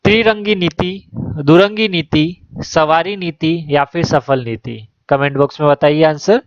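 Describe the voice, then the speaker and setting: A man's voice: a little high, unhurried, no echo. Man teaching exam questions, dull lo-fi. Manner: reads options then gives answer.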